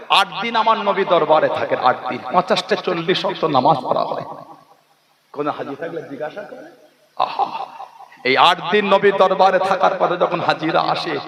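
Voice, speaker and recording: A man preaches in a rising, sing-song chant. His voice sits high and gravelly, and it often climbs into wailing, emotional stretches. A crowd can be heard around him. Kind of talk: Bengali religious sermon (waz).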